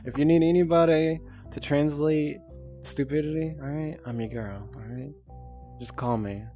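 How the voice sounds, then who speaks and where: Chatting on a live stream from her home, a young woman rambles and giggles, swearing without restraint, her VR avatar on screen and soft music behind her. Her voice sits low and keeps a moderate pace.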